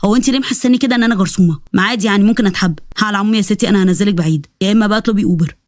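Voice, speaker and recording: A woman's voice: mid-range voice, rapid-fire, a little mellow, no echo, voice pushed down, close to an everyday voice. A woman voicing a proud, sarcastic young man with an Egyptian accent, speaking in a dry, wry manner.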